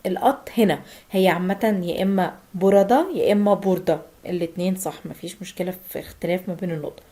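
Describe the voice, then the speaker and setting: A woman with an Egyptian Arabic accent teaching a language lesson, slowing right down for the example phrases. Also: fairly low pitch, dark tone. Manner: slow, drawn-out Turkish example phrases between Arabic explanations.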